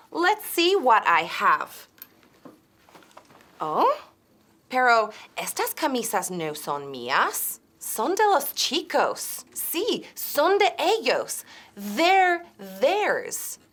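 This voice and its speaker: A woman's voice: fairly high pitch, pushed and bright. A woman presenting an English lesson in a short acted sketch, fussy about mistakes and asking the learners to repeat after her. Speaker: English teacher. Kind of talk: acted classroom sketch with drills.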